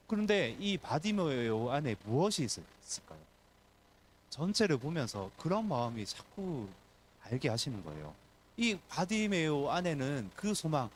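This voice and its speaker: Male pastor, sermon, slightly high voice, animated delivery. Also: slight background noise. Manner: animated preaching, acts out crowd and beggar voices. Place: church service.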